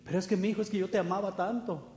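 A man voicing a devoted mother who pleads softly over her son, in an echoey church hall. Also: high-pitched, steady tone, rapid-fire, natural voice. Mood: pleading.

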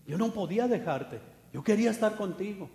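A devoted mother pleading gently over her son, put on by a male preacher. Her voice is soft and a touch high. It rings out in a hall with a long, echoing tail. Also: lively intonation, brisk.

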